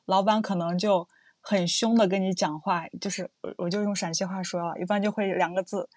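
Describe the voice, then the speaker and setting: A woman from Xi'an sharing lively everyday stories in a casual panel chat, laughing easily as she talks. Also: medium pitch, brisk, no room sound. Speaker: podcast guest.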